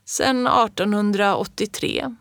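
A reader voicing an old grandmother in a storybook tale, speaking slowly, softly and solemnly. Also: mid-range voice, sing-song, vocal fry, no room sound, studio quality, voice pushed up. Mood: hushed solemn. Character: solemn old grandmother, gentle keeper of secrets.

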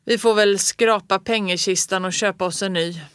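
A reader voicing a sour, stern farmer father who calls out loudly over a storm. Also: medium pitch, steady tone, clear, resonant tone, no echo, clean studio sound, natural voice. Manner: calling out loudly over the wind.

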